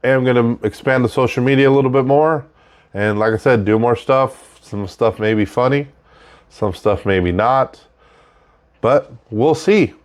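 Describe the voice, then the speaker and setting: A man hosting a casual unscripted monologue, talking conversationally and repeating points for emphasis, with audible breaths between his phrases. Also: mid-range voice. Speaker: host of a show about technical trade work.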